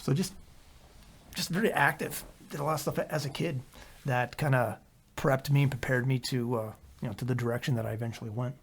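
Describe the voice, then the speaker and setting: A man from Pennsylvania hosting a casual podcast, talking in a relaxed, rambling way with many fillers. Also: mid-range voice, brisk, vocal fry, breathy edge. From Pennsylvania, USA. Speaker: podcast host, training company owner.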